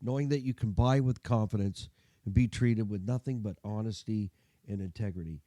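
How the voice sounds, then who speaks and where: A man speaks as the chatty host of a folksy car show, in a dry, close studio sound. His tone is dark and relaxed, thickened by a gargly, congested winter cold. He keeps up a jokey, homespun patter. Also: fairly low pitch, normal speed, no room sound. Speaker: radio show and podcast host.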